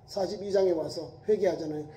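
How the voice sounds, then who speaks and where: A man's voice: high voice, steady tone, fast, dark tone, a little hiss or hum. A male Korean pastor preaching a sermon in a colloquial, emphatic way, with repeated words and small acted quotes. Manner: colloquial preaching, voicing biblical speakers in quotes, emphatic repetition. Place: church sanctuary. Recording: echoey church hall.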